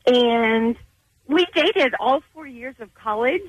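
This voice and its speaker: A woman's voice: a little high, expressive, slow, breathy edge, no echo. A bubbly, upbeat woman calling in to a radio show by phone and chatting casually. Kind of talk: casual chat. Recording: slightly muffled radio phone call.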